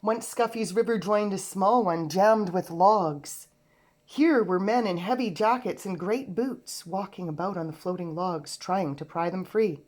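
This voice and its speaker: A woman reads a scripted children's story aloud in an expressive, storytelling manner. Her medium-pitched voice is unhurried.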